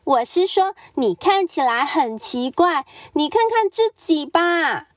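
A woman voicing a fussy lady duck who speaks quickly. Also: high voice, very animated, dry recording, studio quality, pitched above the performer's own voice, heavily acted.

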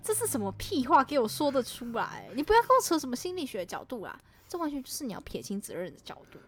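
A young woman telling a story to a friend in a casual podcast chat. Her voice sits a little high and leaps around a great deal. She mutters some parts under her breath and blurts others out loud in mock outrage. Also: fast talker. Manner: animated, swings from hushed mutters to loud indignant outbursts. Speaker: podcast co-host.

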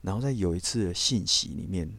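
A man tells his own faith story bluntly and candidly, with the odd swear word. His voice sits low and his words come quickly. The recording is dry and close, with no room sound. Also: animated, gravelly, a bit bright, dry recording. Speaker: podcast host. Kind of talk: personal faith testimony.

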